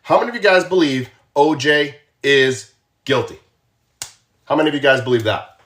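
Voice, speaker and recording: Hosting his true crime livestream, this ex-cop from Boston keeps things conversational, repeats himself and regularly poses questions to his audience. He speaks at normal speed in a high-leaning, animated and somewhat bright voice.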